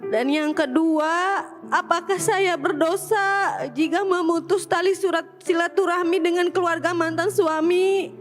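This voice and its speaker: A woman calls in with a very high, steady voice, speaking at a measured pace while music plays underneath. She shares a painful personal story with emotion and sincerely asks a preacher to advise her.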